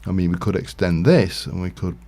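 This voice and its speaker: Low-pitched and dark in tone, this streamer talks a little fast as he narrates his Minecraft livestream, musing aloud in a loose, rambling way packed with fillers.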